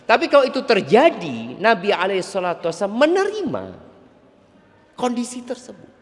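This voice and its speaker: A man's voice: sits high, huge pitch swings, moderate pace. A man preaching an Islamic sermon to a congregation, teasing and acting out little quoted exchanges. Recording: long hall reverb.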